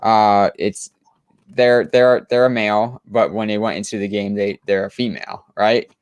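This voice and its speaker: Man, low voice, casual rambling chat, eager, dry close sound. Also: steady tone, moderate pace, clear, resonant tone, no room sound. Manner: enthusiastic, rambling with many restarts and fillers. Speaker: co-host of a comic book show.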